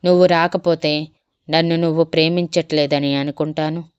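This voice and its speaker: A woman's voice: deep voice, fairly even intonation, moderate pace, clear, resonant tone, no room sound, dull audio, lightly acted. A woman reading as a tearful young woman pleading. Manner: crying, pleading.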